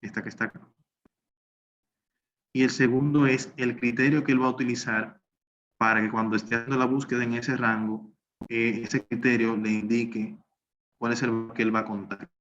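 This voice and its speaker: A man's voice: medium pitch, flat delivery, moderate pace, long pauses, a bit bright. A man teaching a recorded spreadsheet class, talking through each step as he works on the screen. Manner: talks through steps while working on screen. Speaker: instructor. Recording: slightly dull lo-fi recording with faint noise.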